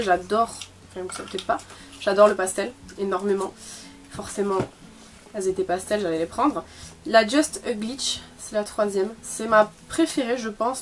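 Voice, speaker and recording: Young female beauty vlogger, casual haul chat, chatty with fillers and light laughs. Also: mid-range voice. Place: her bedroom.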